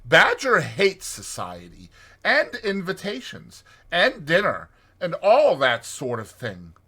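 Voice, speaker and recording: Man voicing an emphatic, high-pitched storybook Water Rat. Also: huge pitch swings, slow pace, sharp tone, slightly rough, exaggerated voice. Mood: blunt. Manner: emphatic, insistent, reassuring. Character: hearty, evasive male Water Rat, easily alarmed storybook animal.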